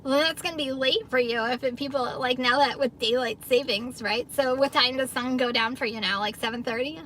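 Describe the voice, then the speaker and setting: A woman's voice: high-pitched, a little fast, hardly any pauses, fairly bright tone, slight background noise. A middle-aged woman from the New York area hosting a casual livestream from her parked car, chatting upbeat with viewers and laughing often. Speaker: livestream host, gig delivery driver. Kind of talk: casual livestream chat reading viewer comments.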